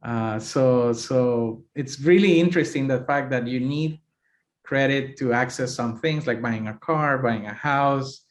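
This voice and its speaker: A man from Honduras hosts a relaxed podcast conversation, pausing often with fillers as he gathers his thoughts. His voice sits at an ordinary middle pitch. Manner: hesitant, many fillers. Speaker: podcast host. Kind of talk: casual interview chat.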